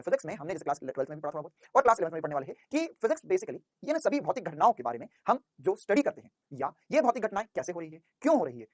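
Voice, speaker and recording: A man's voice: on the high side, no echo, clean studio sound. A man teaching a physics class, who asks questions and answers them himself and calls his students "बेटा".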